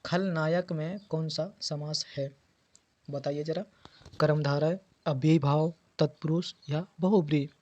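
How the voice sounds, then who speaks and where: A man teaching an exam preparation lesson, going through quiz answers and patiently repeating key words. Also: a little high. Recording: dull lo-fi audio.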